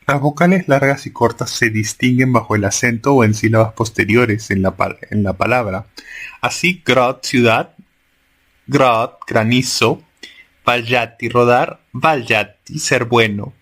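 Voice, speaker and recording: A man's voice: medium pitch, moderate pace, a bit bright. A man reading a grammar text aloud as a lesson, often restarting words and sounding out example words.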